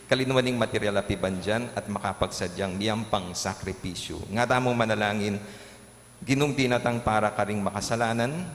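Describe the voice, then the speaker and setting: A priest with a Kapampangan accent preaching a homily at Mass, animatedly acting out quotes and jokes. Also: male voice, on the low side. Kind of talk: homily in a live-streamed Mass. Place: large church. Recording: echoey church with long reverb, faint hum.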